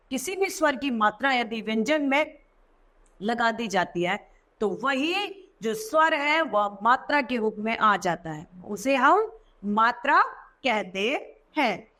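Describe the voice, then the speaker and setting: A woman's voice: on the high side, a bit bright. A woman teacher explaining a children's grammar lesson patiently, repeating each example word twice.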